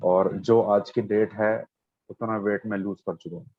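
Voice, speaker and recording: A man's voice: on the low side, fairly even intonation, measured pace, dry recording. A young man taking part in the session, speaking hesitantly with many fillers and a joking streak. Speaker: participant. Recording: tinny phone-like sound.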